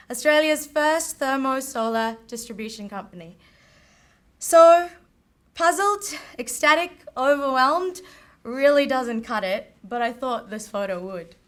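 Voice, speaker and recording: A young woman with a South African accent giving a lively live presentation on stage at an event. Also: high voice. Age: young adult. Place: event stage before an audience.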